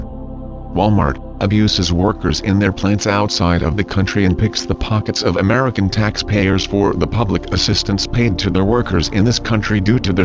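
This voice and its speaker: A man reads a scripted political message as narrator, in a solemn, measured way. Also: deep voice. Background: music.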